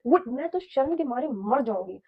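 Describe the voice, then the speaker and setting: Young woman from India, high voice, animated storytelling, cusses a lot, slightly muffled recording. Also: moderate pace, breathy edge. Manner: animated, mixes Hindi with English, swears freely. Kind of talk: casual storytime vlog. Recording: slightly dull lo-fi audio.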